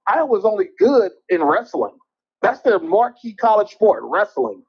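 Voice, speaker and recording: A man calling in to a show from a parking garage, heard over a phone line that sounds like speakerphone, blunt and opinionated with halting restarts. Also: sits high, very animated, gravelly, husky. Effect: phone call that sounds like it is on speakerphone. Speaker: caller. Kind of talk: casual call-in chat.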